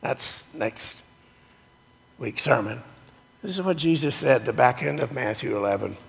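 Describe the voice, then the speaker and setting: A man leading a sermon and communion liturgy as pastor, with a slow, measured delivery, his voice carrying a cathedral echo in a church sanctuary. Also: medium pitch, expressive, creaky. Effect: cathedral echo, long church reverb. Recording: long echoing church reverb.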